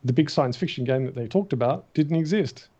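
Australian man with a mellow voice. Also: mid-range voice, a little fast, breathy edge. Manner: animated, acts out the voices of people in his stories. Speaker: guest, matte painter. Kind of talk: casual interview storytelling. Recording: dull, muffled recording.

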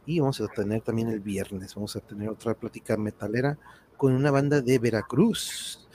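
His voice is lowish and mellow, moving at a normal speed, and the recording carries clear background noise. The speaker, a man with a northern Mexican accent, hosts an online livestream show and is chatting casually in a sign-off, slipping English phrases into his talk.

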